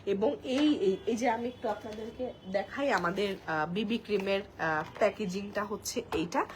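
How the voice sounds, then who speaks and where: A woman with a Bangladeshi accent chatting through a live makeup demo, speaking softly because she has a cold and a sore throat. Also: mid-range voice, moderate pace, slight background noise. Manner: talks softly while applying makeup, chatty. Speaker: makeup brand presenter. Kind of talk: live product demo chat.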